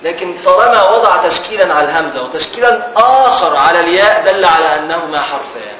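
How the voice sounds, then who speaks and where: A man's voice: high voice, lively intonation, fast, sharp tone, reverberant, dull audio. A man with an Egyptian Arabic accent teaching a classical religious text. He reads passages, then explains them in colloquial speech and repeats his key phrases.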